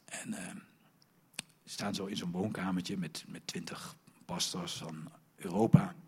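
A middle-aged man preaching a sermon, telling stories in an animated, emphatic way. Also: deep voice, measured pace, gravelly, a little hiss or hum. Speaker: pastor.

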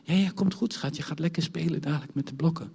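A man voicing a calm mother who soothes her small son. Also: a little high, fast talker, vocal fry, breathy edge, heavily acted. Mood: soothing. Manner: soothing, brushing off complaints. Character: calm reassuring mother of a toddler.

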